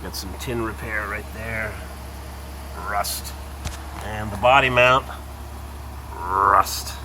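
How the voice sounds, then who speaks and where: In a vehicle warehouse, a car owner gives a tour of his vehicles over the noise of an idling engine. His voice is fairly low, pushed and bright, with fairly even intonation and a slow pace, and he narrates offhandedly in short, rambling phrases full of asides.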